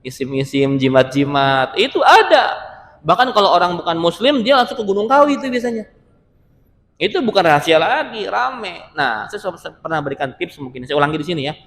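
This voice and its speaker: A man delivers a lively sermon, his voice sitting high for a man. He jokes with the congregation and slips into quoted voices to make his points. The sound rings with the long reverb of a mosque hall. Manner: animated, joking, acts out quoted voices. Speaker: Islamic preacher.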